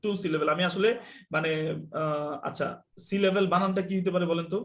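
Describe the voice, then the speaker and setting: A man teaching a live online English class, explaining quickly and telling students to mute their mics. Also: high voice, fairly even intonation, fairly bright tone, a little hiss or hum. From Bangladesh.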